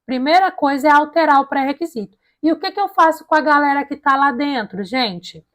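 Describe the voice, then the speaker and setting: A woman's voice: high-pitched, lively intonation, a little fast, a bit bright. A Brazilian woman lecturing informally, with tongue-tied, slightly slushy s sounds, asking and answering her own questions and checking in with listeners. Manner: colloquial, asks and answers own questions, frequent check-in tags. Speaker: teacher preparing students for a public service exam. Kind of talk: informal lecture explaining an education plan point by point.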